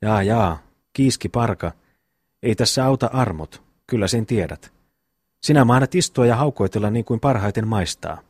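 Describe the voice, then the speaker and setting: A man reading a blustering, gruff eldest brother. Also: on the low side, expressive, a little mellow, no echo. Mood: scolding, mocking. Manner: blustering, scolding speech with a mocking chuckle. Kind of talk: audiobook reading.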